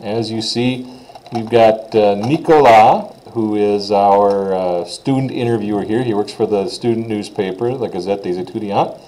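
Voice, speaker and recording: Low, mellow-voiced man teaching a lesson. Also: normal speed, rough recording. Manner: informal, with frequent "uh" fillers and restarts. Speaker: French teacher. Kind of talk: casual recorded lesson.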